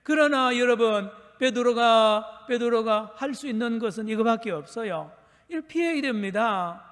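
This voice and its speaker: High-voiced pastor preaching in a reverberant church. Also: male voice, lively intonation, moderate pace, a bit bright. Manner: asks the congregation questions and repeats phrases for emphasis. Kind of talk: dawn prayer sermon. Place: church sanctuary.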